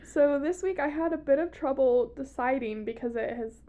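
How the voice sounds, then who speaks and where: A woman's voice: high voice, normal speed, warm tone, dull audio. A young woman hosting a podcast in casual chat, giggly and chatty, swearing freely. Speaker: podcast host. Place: small podcast room.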